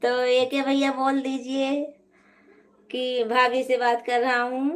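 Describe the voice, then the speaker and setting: A woman's voice: sits high, monotone, unhurried. A woman hosting a casual live stream from home, chatting and answering viewers' comments one by one.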